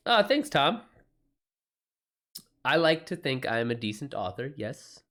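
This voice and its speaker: On his livestream, an American host who self-publishes books responds to comments from viewers, speaking loosely and with slang. He talks slowly in a medium-pitched, sing-song voice with a fairly bright tone.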